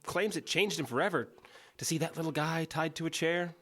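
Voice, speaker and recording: A man playing an easygoing, higher-voiced deadpan guy. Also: fairly quick, soft background music. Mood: breezy deadpan. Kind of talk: comedic audio drama dialogue.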